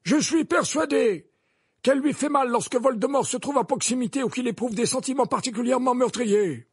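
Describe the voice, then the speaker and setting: Guy doing a stern old wizard voice, way up high and breathy, dry close sound. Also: fairly quick, no echo. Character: old male wizard headmaster, calm and commanding. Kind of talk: audiobook character voice.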